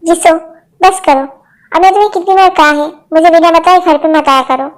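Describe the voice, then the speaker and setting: A woman's voice: very high voice, a little fast. A woman voicing a cold, short-tempered young husband who speaks curtly and harshly. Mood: cold angry. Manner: curt, harsh, scornful.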